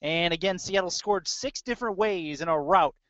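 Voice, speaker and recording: A man with a high-pitched, slightly bright voice announces a live American football game at normal speed, tracking the plays in brief, clipped phrases. There is no echo, and the recording's highs are cut off.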